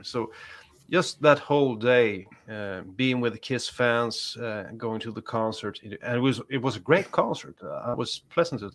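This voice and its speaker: A relaxed man in a casual podcast chat with a somewhat low voice. He hesitates and fills his pauses as he talks. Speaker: podcast panelist.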